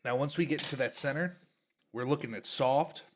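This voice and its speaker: A man reviews snacks on his stream in a casual, chatty way, using lots of fillers and sometimes chewing as he talks. He speaks at medium pitch and a moderate pace, and there's a little hiss or hum in the audio.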